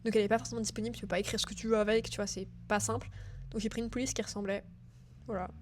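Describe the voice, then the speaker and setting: A young woman chats through her student web project in a casual, filler-heavy way. She sounds a little nervous as she talks straight to the viewer. Her pitch stays fairly level and even throughout. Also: rapid-fire, slight background noise. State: a bit nervous. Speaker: digital school student. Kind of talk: casual screen-share walkthrough.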